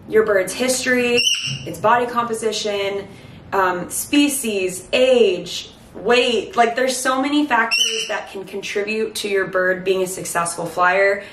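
A woman's voice: mid-range voice, background noise. A woman in her thirties talks to camera in a chatty, instructional way. She sounds short of breath as she explains things step by step. The recording is echoey, with the microphone set some distance off in a kitchen. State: breathless from late pregnancy. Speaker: host of a pet bird channel. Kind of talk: casual instructional talk to camera. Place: home kitchen, indoors.

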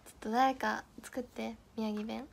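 Young woman, high voice, giggly, playful livestream chat, answering viewer comments. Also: level tone, normal speed, gravelly, slight background noise. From Miyagi, Japan. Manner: giggly, playful, stumbling through tongue twisters. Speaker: idol livestream host.

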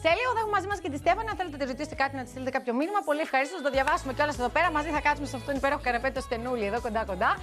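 A woman's voice: high voice, few pauses, over music. A young woman hosting a daytime TV show, chatting playfully to camera and teasing her crew in a studio. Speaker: TV show host. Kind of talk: lively studio chat to camera.

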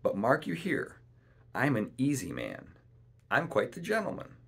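Husky and wildly swooping in pitch, a man narrates as a cold, menacing pirate cook who schemes, brags in rustic sailor's phrases, and alternates between coaxing and ordering like a fairy-tale villain. His exaggerated voice runs a little slow and a bit bright.

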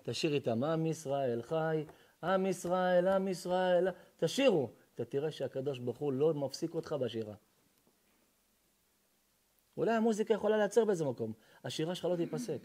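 A man, a rabbi, preaching a sermon with passion, swinging between hushed asides and loud chanted verses. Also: on the high side, animated.

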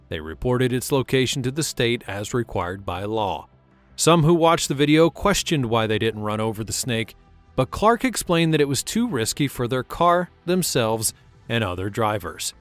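A man narrating a scripted wildlife countdown, steady with dramatic emphasis, over faint music. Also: mid-range voice, normal speed, no room sound. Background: faint background music.

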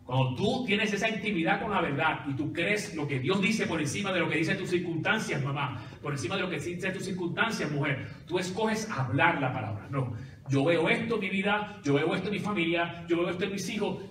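A man's voice: on the high side, fairly bright tone, slight background noise. A male pastor preaching a sermon, calling out to his congregation for responses. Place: church sanctuary. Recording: echoey church hall from far off.

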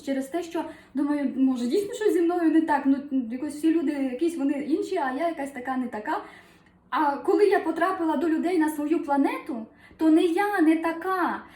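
Chatty high-voiced Ukrainian woman, echoey room. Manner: chatty, lively, many fillers and acted-out asides. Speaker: numerologist and self-help vlogger. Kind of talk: casual motivational monologue.

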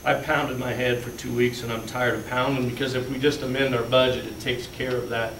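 Brisk and flat, with a medium pitch and fairly bright tone, this school business official plainly steps the board through budget handouts during a meeting. The large meeting room under fluorescent lights echoes, and the far room camera adds a faint hum.

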